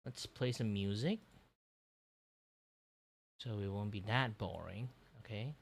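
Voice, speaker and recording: A livestream host with a mid-pitched voice, talking casually to viewers while working. The delivery rambles and often drops into self-directed muttering, as if thinking out loud. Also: slow, creaky. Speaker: streamer, host.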